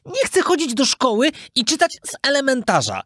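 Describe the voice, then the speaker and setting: Cheeky wooden puppet boy, high squeaky voice, restless, storybook audio. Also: wildly swooping pitch, moderate pace, fairly bright tone, no echo, clean studio sound, full character voice. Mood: scornful. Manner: scornful, restless, eager.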